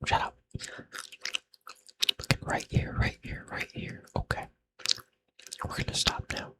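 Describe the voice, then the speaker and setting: A man doing an unscripted ASMR whispered role-play, rambling playfully in a breathy, unvoiced whisper and repeating short phrases over and over. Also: normal speed. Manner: playful, self-deprecating, teasing.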